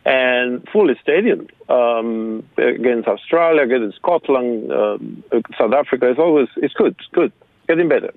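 A man from Argentina with an Argentine Spanish accent, a guest on a radio interview, speaking haltingly with many fillers and restarts. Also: mid-range voice, vocal fry, no echo. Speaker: guest, local rugby supporter. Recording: phone line, dry.

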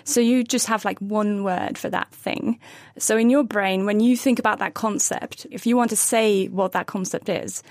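A woman's voice: medium pitch, steady tone, moderate pace, no echo, studio quality. A Norwegian woman, a native Norwegian speaker, explaining neuroscience on a radio science panel in a thoughtful, careful way. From Norway. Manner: thoughtful, explanatory, searches for words.

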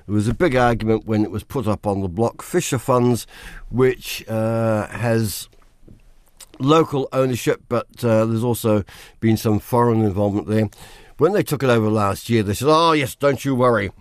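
A man in his sixties with a New Zealand accent talks through business news on the radio. His voice sits a little low, and he acts out what companies said. The sound is dry and close. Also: normal speed, no room sound. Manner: animated, acts out quotes. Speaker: business reporter.

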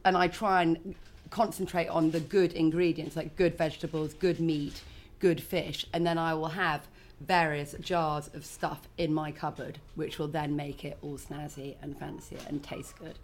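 A woman's voice: low voice, flat delivery, normal speed, hardly any pauses, a little hiss or hum. A middle-aged woman talking casually about her cooking, laughing as she talks. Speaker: caterer guest. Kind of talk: casual chat.

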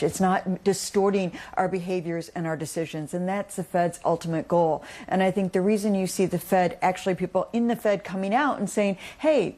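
A woman with a slightly low-pitched voice gives expert economic comment. She explains her reasoning in the spoken style of an interview soundbite. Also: darkish tone.

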